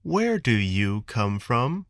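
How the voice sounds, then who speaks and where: A man with an American accent reading textbook dialogue questions for language learners, enunciating clearly. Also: mid-range voice, big pitch swings, slow pace, no room sound, clean studio sound. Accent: General American. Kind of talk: slow scripted textbook reading.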